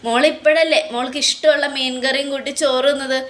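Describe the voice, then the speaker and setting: A patient caretaker coaxes a troubled young woman, keeping her words gentle, as a woman reads her part. The voice is the reader's own, a little high. It is a spoken serial recap. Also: fairly even intonation, quick pace. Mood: coaxing.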